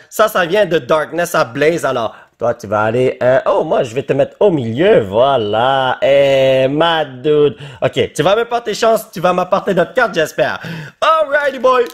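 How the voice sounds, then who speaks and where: A tired young man with a Québécois French accent, excitedly opening Pokémon cards in a casual vlog and tossing in English exclamations. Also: on the high side. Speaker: YouTuber.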